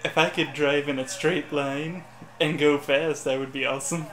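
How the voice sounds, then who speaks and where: A man's voice: a little high, steady tone, moderate pace, fairly bright tone, reverberant. A man joking and mocking himself while playing a racing game in casual chat. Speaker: gameplay commentator.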